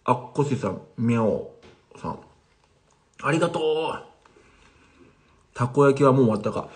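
Man, casual livestream host, chatty, replies to viewer comments, animated pitch. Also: normal speed. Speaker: language teacher streaming live.

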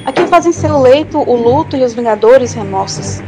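A woman's voice: high voice, lively intonation, normal speed, noisy background. A Brazilian woman playing a grave sibyl who guides a hero through the underworld, speaking in a solemn, declamatory way. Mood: solemn warning. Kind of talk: theatrical audio drama acting in Portuguese.

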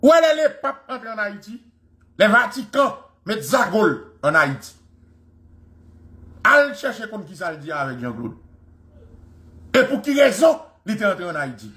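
A man's voice: high-pitched, big pitch swings, normal speed, pauses often, sharp tone. A man giving an impassioned history lecture, fervent and repeating phrases for emphasis.

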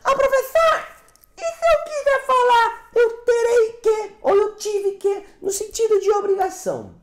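Casual: guy doing a high squeaky confused student, whiny questioning, sounds a bit off-mic in an echoey room. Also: big pitch swings, measured pace, full character voice. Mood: puzzled. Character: puzzled male student asking his teacher.

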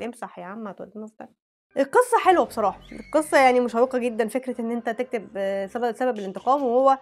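A woman with an Egyptian Arabic accent chats frankly with her viewers at a very fast clip, her voice sitting a little high. She often breaks off mid-word and starts again. Faint music plays behind her. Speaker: anime vlogger. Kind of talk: casual chat reading out recommendations.

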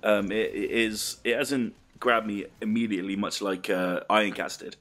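Low-voiced man chatting about games. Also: fairly even intonation, moderate pace, fairly bright tone. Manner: rambling, many ums and restarts. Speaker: podcast co-host. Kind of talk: casual game discussion.

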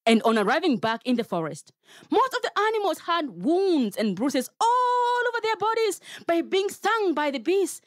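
A woman's voice: extremely high pitch, big pitch swings, normal speed, no echo, clean studio sound. A Kenyan woman telling a story to children, playful and talking straight to her young listeners. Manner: playful, addresses children directly.

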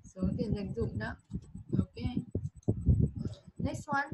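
A Vietnamese woman with a Vietnamese accent teaches English over a video call, mixing English and Vietnamese. She speaks slowly in a fairly high voice and patiently coaches pronunciation line by line. Loud background noise runs under the call. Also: expressive.

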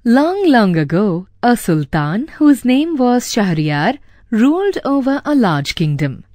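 A woman with an Indian English accent narrates a children's story in a clear, expressive way. She speaks slowly, with a lively, rising and falling pitch, and is recorded dry and close. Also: no room sound. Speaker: storyteller for a children's learning channel.

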